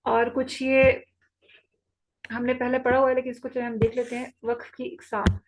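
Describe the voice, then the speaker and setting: A woman teaching Quran recitation online keeps a level tone in a voice on the high side. Patient throughout, she repeats each rule slowly and confirms that students follow, though the audio is poor.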